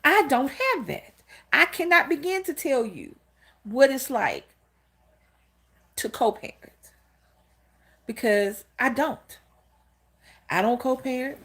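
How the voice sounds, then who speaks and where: A woman's voice: on the high side, lively intonation, slow, pauses often, fairly bright tone. A woman in her fifties hosting a casual livestream, speaking candidly and telling stories straight to her viewers. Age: 50s. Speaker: channel host. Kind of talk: casual livestream talk greeting chat viewers.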